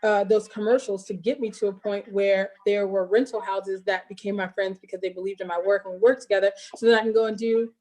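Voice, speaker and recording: A woman's voice: mid-range voice, fairly even intonation, brisk, few pauses, a little mellow. Woman, interview guest, earnest and heartfelt, mid-range voice, talking over a video call. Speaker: guest filmmaker and teacher. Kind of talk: casual interview chat.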